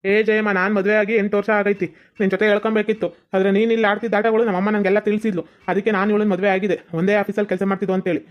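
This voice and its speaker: A woman's voice: mid-range voice, level tone, lightly acted. A woman voicing a stubborn, devoted husband who talks firmly and reassuringly. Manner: firm, rapid, reassuring. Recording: dull lo-fi sound.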